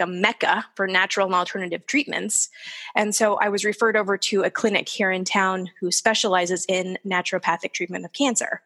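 A woman in her forties telling her own story in casual conversation, candid and animated, acting out the people she quotes. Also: mid-range voice. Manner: candid and animated, quoting others in lively voices. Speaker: guest. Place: lives in the desert southwest of the US.

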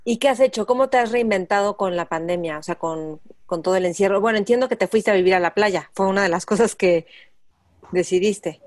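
A woman's voice: medium pitch, a little fast, a little mellow, no echo, clean studio sound. A woman interviewer who asks conversational questions and offers brief, supportive affirmations.

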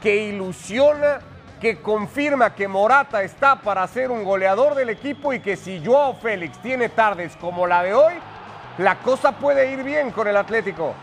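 High-voiced male football show host. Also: lively intonation, a little slow, fairly bright tone, soft background music. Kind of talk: football panel discussion.

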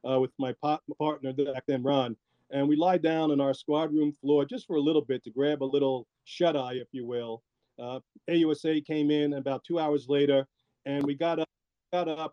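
A man, a former law enforcement officer, recounting his experience in a measured way with frequent pauses. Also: fairly high pitch, no echo, lo-fi sound. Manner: measured, with frequent ums and asides. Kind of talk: reflective interview storytelling.

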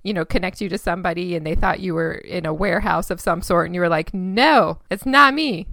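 Gravelly Texas-Valley Girl woman. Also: lowish voice, fairly even intonation, fast, dry recording, clean studio sound. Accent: mix of Texan and Valley Girl. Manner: giggly, chatty storytelling with many fillers. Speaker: podcast host. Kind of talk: casual co-hosted true crime chat.

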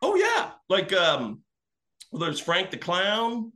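Male guest, animated casual storyteller, bright tone, slightly high. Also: slow. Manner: animated, acts out quotes. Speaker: wrestling fan guest.

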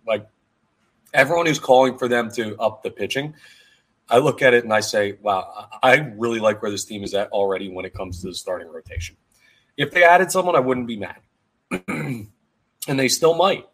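A man hosting a solo sports podcast, talking energetically and casually with frequent fillers, his voice a bit hoarse. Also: lowish voice, lively intonation, fairly quick, fairly bright tone. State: hoarse, voice going. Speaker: podcast host.

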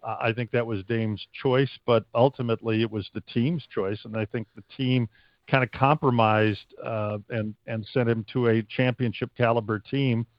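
A man's voice: medium pitch, steady tone, moderate pace, no room sound, dull audio. A man from the United States who works as a stadium announcer, answering interview questions casually and wordily, with stops and starts.

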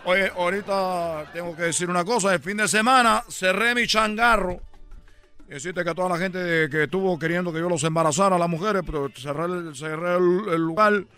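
Over soft background music, a man's high-pitched, sharp but smooth voice runs a little fast as he plays a bragging baseball player in radio comedy. The character teases and chuckles brashly in an affected Caribbean Spanish accent without R's.

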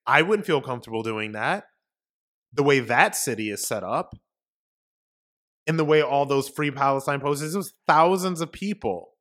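A man delivers a political commentary monologue as host of his own show. He talks emphatically and repeats himself for effect, piling up rhetorical questions. His voice sits at an ordinary middle pitch. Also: a bit bright. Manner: emphatic, repetitive, ranting. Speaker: podcast host.

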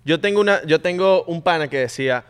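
A man from Venezuela with a Venezuelan Spanish accent, co-hosting a podcast in relaxed, chatty banter. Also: on the high side, fairly quick, clear, resonant tone. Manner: relaxed, chatty, laughs along. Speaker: podcast co-host. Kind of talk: casual chat.

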